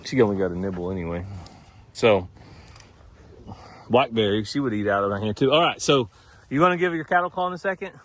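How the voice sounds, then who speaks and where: A man's voice: lowish voice, lively intonation, brisk, long pauses. A man chatting casually and teasing outdoors on his farm as a vlog host. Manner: folksy, teasing, drawling farm talk. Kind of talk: casual chat. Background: farm animals.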